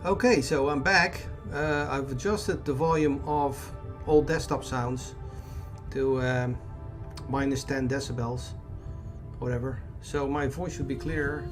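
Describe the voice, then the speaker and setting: A gaming YouTuber casually comments over his let's play, rambling, hesitant, and self-deprecating, often stopping to correct himself. His medium-pitched voice keeps a fairly even intonation at a measured pace. He's recorded on a desktop mic over the game audio, with game music playing behind him.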